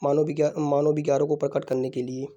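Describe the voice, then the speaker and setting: A man teaching a Hindi grammar lesson, often pausing and repeating words as he dictates notes. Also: fairly high pitch, little pitch movement, dark tone, muffled recording. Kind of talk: classroom-style lesson explaining punctuation.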